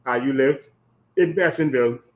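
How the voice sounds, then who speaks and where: A man's voice: medium pitch, normal speed, highs cut off. A man hosting an interview who reacts often with "wow" and "yeah" and asks pointed follow-up questions. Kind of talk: casual interview conversation.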